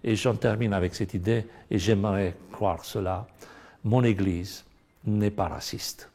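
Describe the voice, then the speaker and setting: A middle-aged man with a Romanian accent speaks in a Bible study discussion, his voice dark and mellow with a gravelly edge. He talks earnestly and builds to emphatic stress on the points he cares about. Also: lowish voice, steady tone, a little slow.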